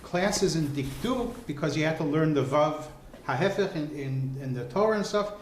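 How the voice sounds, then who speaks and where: An American man recounts family stories in an interview, an animated storyteller who repeats words while he thinks. His voice is fairly high at a normal speed, recorded in an echoey room with a little hiss or hum.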